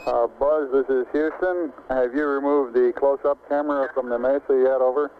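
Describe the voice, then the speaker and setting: A man's voice: mid-range voice, fairly even intonation, normal speed. A man at mission control speaking over a crackly space mission radio transmission, giving clipped, matter-of-fact readouts in radio procedure talk. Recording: muffled lo-fi radio link with faint static.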